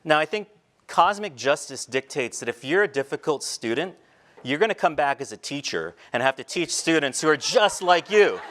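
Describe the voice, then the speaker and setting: On a large indoor stage before a seated audience, a middle-aged male teacher gives a storytelling keynote through a headset mic, moving between quiet reflection and light humor. His voice is fairly high and sing-song at a moderate pace, with a little hiss or hum.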